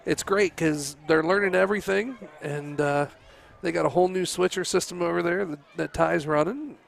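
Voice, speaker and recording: A man commenting on a local high school football game in a chatty way, often laughing as he talks. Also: normal speed, gravelly. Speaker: sports commentator.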